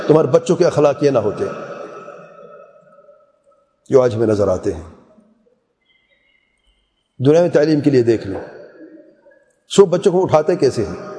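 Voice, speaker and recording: A man preaching a sermon in an earnest way, asking the listeners questions and often dropping to a softer voice. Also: a little high. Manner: earnest, with rhetorical questions and sudden soft drops. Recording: reverberant hall.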